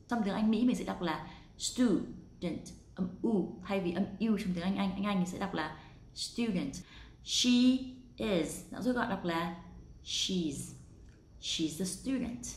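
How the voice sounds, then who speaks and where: A woman teaching pronunciation, who explains quickly and then slows right down to model each word. Her voice sits at an ordinary middle pitch. The room gives it a noticeable echo. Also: a little mellow. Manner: slow, drawn-out model pronunciations. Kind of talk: pronunciation lesson.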